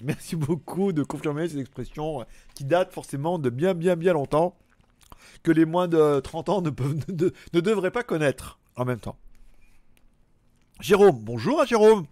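A man's voice: a little high, animated, normal speed, darkish tone, no echo, clean studio sound. A man hosting a live stream, casually chatting and reading out viewer comments, joking and chuckling often in rambling asides.

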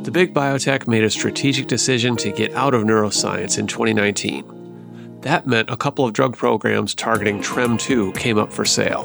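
A male podcast host with a mid-range, gravelly voice. He reads his introduction from a script, then asks questions in a looser way, full of ums and restarts. Music plays clearly under his voice. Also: mid-range voice. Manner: hesitant with fillers and restarts in conversation.

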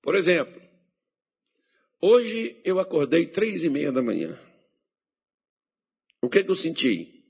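A male pastor delivering a sermon in a fairly high, husky voice. He builds his points into emphatic, rising exhortations aimed at the congregation. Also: huge pitch swings, takes it slowly, long pauses, darkish tone.

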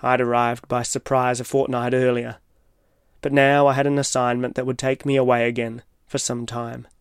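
A man reading his own reflective, literary personal essay as scripted narration, in a measured way. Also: medium pitch, flat delivery, smooth, no echo, studio quality. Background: soft guitar music.

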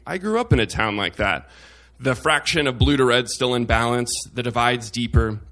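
Bright-voiced man reading a wry essay. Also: medium pitch. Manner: wry, self-mocking humor. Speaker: op-ed reader at a live show. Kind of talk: reading a personal essay on stage.

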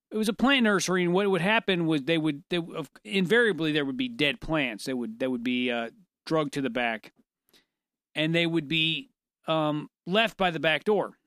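A man co-hosting a casual chat, telling stories in an animated, self-deprecating way with frequent laughter. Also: a little high, no echo, clean studio sound. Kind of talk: casual conversational storytelling.

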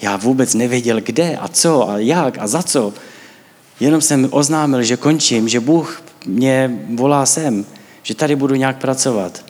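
A man's voice: medium pitch, darkish tone. A man preaching in a church, telling his own story earnestly and acting out his prayers. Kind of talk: personal testimony sermon. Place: church hall. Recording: echoey church hall.

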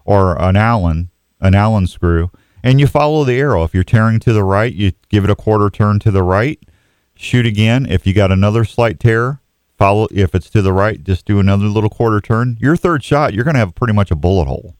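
On his outdoors radio show, a man with a low-leaning, slightly mellow and smooth voice chats jokingly and folksily with callers at a fairly quick clip. The setting is a radio studio, captured dry on a close studio microphone for this casual live sports talk.

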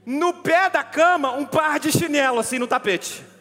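A man preaching a sermon, telling a personal story in an animated way and calling his listeners brother. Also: very high voice, normal speed. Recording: long hall reverb with faint music.

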